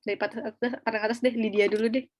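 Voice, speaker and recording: A woman's voice: fairly high pitch, steady tone, very fast. A woman tutoring an online speaking class, explaining in a chatty, casual way with fillers and small laughs over a video call.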